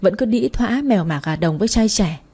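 A woman's voice: medium pitch, animated, a little fast, warm tone, husky. A woman voicing scornful gossiping neighborhood women who talk in a sneering way.

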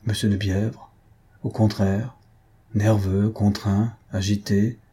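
A man reading a novel aloud in even, measured scripted narration. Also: lowish voice, husky. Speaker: audiobook reader.

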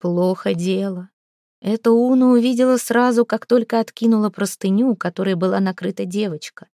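Mellow woman narrating a story. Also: medium pitch, moderate pace, no echo, clean studio sound. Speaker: audiobook narrator. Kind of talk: scripted narration.

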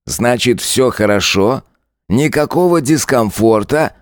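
A man's voice: medium pitch, lively intonation, a little slow, dry recording, clean studio sound, voice pushed up, close to an everyday voice. A man voicing a cruel, mocking male police lieutenant who taunts and threatens. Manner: sneering, taunting.

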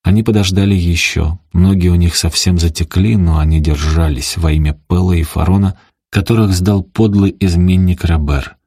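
Deep husky guy reading an audiobook, dry close mic, steady dramatic telling. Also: moderate pace, dry recording. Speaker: narrator.

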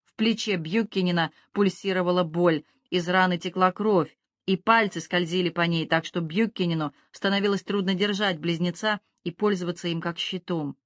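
Woman reading a thriller audiobook, steady pace, dry close mic. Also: fairly low pitch, normal speed, no room sound. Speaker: audiobook narrator. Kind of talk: scripted narration.

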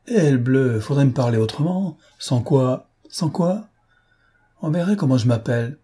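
A man's voice: medium pitch, lively intonation, normal speed, mellow, husky, pitched above the performer's own voice. A man voicing a brutish giant soldier who taunts in a coarse, surly way. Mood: taunting.

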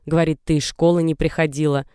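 Fussy anxious mom on the phone, guy reading her, keeps pushing and lecturing, a bit high. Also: level tone, quick pace, warm tone, smooth, dry recording, studio quality, natural voice. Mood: insistent. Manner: coaxing, insistent, lecturing. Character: anxious fussing middle-aged mother.

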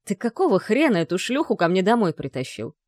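A woman's voice: medium pitch, sing-song, moderate pace, a little mellow, dry recording. Lady doing a nasty rich dad, growly and mocking, audiobook voice, dry close sound. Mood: enraged. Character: menacing, scornful rich older father, a man.

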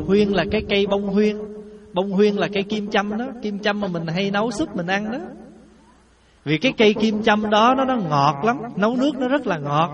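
A man who is a Buddhist monk, giving a dharma talk in a folksy manner and often putting questions to his listeners. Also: high voice. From Vietnam. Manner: folksy, asks the audience questions. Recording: muffled distant recording.

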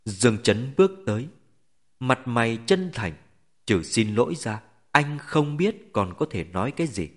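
A man narrating a web novel as an audiobook, with expressive storytelling. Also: medium pitch, moderate pace.

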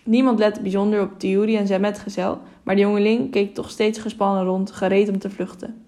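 A woman reads a storybook aloud in a calm, even voice. Her pitch sits in the middle for a woman. She narrates steadily. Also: fairly quick. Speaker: audiobook narrator.

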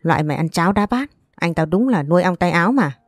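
A woman's voice: fairly low pitch, expressive, quick pace, no echo, clean studio sound. A woman voicing a furious, bullying middle-aged uncle who hurls accusations in an audio story. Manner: shouting insults, accusing.

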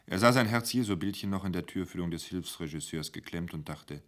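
A man reading a short story for radio in a measured, dry manner. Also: low voice, fairly bright tone. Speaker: narrator.

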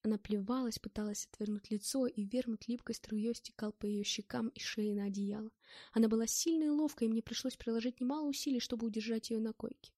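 A woman narrating a first-person novel in a steady, measured reading. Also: on the high side, no echo, clean studio sound. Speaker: audiobook reader.

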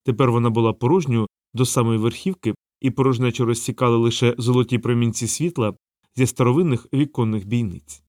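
A man reading an audiobook in measured storytelling narration. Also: mid-range voice, fairly even intonation, darkish tone, no echo, studio quality.

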